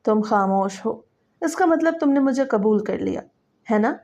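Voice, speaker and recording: A woman voicing a predatory middle-aged stepfather who speaks softly and coaxingly, then threatens, in a dramatic story reading. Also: on the high side, lively intonation, vocal fry, muffled recording. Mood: leering. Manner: soft coaxing voice that turns to threats.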